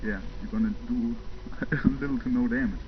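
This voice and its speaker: With a mid-range voice and moderate pace, a young German man chats loosely over his gameplay, chuckling and filling gaps as he goes. There's slight background noise, and the muffled home recording picks up game sounds.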